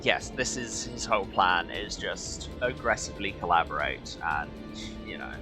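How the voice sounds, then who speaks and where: A man's voice: low voice, lively intonation, moderate pace. A man giving casual, wry gameplay commentary as a streamer, full of sardonic joking. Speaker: game streamer. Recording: voice over loud game music.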